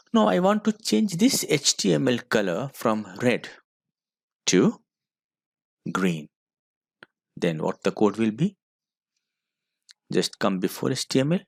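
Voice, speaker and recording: A man's voice: lowish voice, big pitch swings, unhurried, creaky, pauses often, husky, no echo, clean studio sound. A man with an Indian English accent teaching a school computer class, dictating code step by step. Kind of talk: screen-recorded coding lesson.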